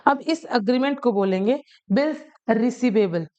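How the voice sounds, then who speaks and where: A woman's voice: fairly high pitch, normal speed, darkish tone, dull audio. A woman teacher explaining accounting terms in a casual lesson, repeating key points and acting out shopkeeper examples, mixing in English terms. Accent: Hindi-English mix.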